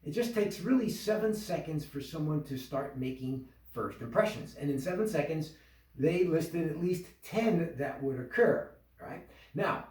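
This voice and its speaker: A man giving an instructional talk to a small business group, animated and full of questions, acting out tones of voice. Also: fairly high pitch, far from the mic. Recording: echoey room, voice from off the mic.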